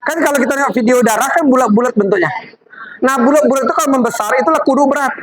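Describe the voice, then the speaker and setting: A woman's voice: high voice, racing, rough recording. A woman giving a live product demonstration to a group, chatty and coaxing as she directs volunteers. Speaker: MLM product presenter. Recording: audience crowd noise behind.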